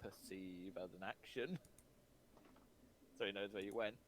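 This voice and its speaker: A man's voice: lowish voice, a little slow, a little hiss or hum. A man running a tabletop game as game master, rambling and restarting his sentences, with casual swearing.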